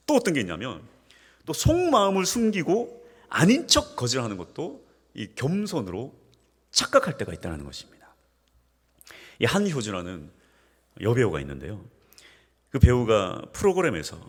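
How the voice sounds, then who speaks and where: Man preaching in a church, husky voice, wildly varying pitch, long hall reverb. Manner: lively preaching, swings between soft asides and emphatic peaks; acts out homely dialogue with humor. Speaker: pastor. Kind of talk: sermon. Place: church sanctuary. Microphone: microphone with feedback trouble.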